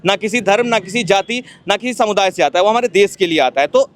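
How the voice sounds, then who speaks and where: A man with a high voice works as a street reporter. He presses passersby with persistent questions outdoors. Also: quick pace. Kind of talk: street vox-pop interview.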